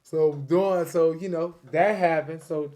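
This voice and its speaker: A man's voice: fairly high pitch, fairly even intonation, takes it slowly, dark tone. A man hosting a casual interview, bantering in loose slang with lots of agreement. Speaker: podcast host.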